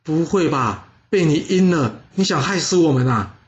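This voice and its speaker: A man's voice: on the high side, animated, normal speed, highs cut off, pitched above the performer's own voice, lightly acted. A man voicing a pair of exiled princes who speak together, wary and pleading.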